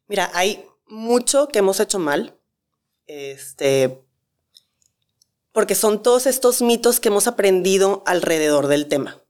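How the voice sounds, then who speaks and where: A woman, a guest expert calmly explaining grief with examples in a talk-show conversation. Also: on the low side.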